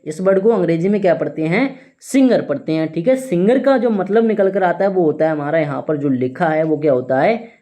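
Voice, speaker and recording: A man teaching an English vocabulary lesson in Hindi, asking his students questions and answering them himself, spelling words out slowly letter by letter and saying "theek hai" often. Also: a little high, mellow. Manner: repeats "ठीक है" often.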